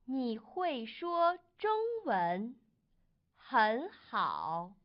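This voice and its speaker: A woman reading a part in a slow textbook dialogue, articulating each word carefully. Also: fairly high pitch, very animated, exaggerated voice. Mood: plain. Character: adult woman named Susan. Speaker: dialogue reader. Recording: dull lo-fi recording.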